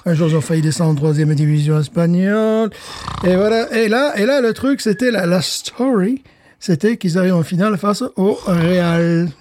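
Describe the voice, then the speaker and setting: Mellow-voiced man chatting casually. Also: high-pitched, moderate pace, no room sound. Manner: rambling, repeats words while searching for them. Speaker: podcast co-host. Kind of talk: casual chat.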